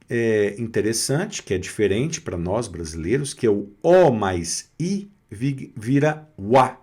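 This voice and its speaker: A man's voice: medium pitch, a little mellow. A middle-aged Brazilian man leads a beginner language lesson in a mid-range voice. He is patient and methodical, repeating each word and often checking that his students are keeping up. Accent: Brazilian Portuguese. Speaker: French teacher.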